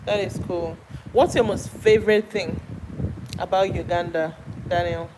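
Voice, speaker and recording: Speaking at a measured pace in a steady, lowish voice, this Nigerian woman hosts a relaxed live stream. She welcomes viewers by name and responds to their comments out loud in a chatty manner, while traffic rumbles by in the noisy background.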